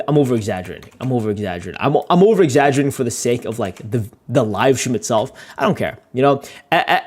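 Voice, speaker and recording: A young adult streamer keeps up casual, wandering chatter as he edits a video, full of self-deprecating jokes and occasional cursing. Laughter comes easily to him, and his storytelling gets noticeably louder and higher.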